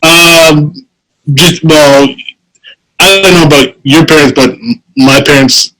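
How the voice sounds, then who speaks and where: A man's voice: fairly high pitch, slow, bright, forceful tone, low-quality recording. A man co-hosting a casual podcast chat who laughs often and trails off mid-sentence. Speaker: podcast co-host.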